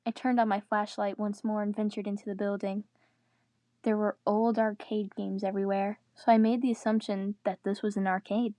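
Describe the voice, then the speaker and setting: A woman reads fan fiction aloud dramatically at normal speed, her warm, mid-range voice showing little pitch movement. She breaks character to groan and crack jokes in her own voice, and there's no room sound.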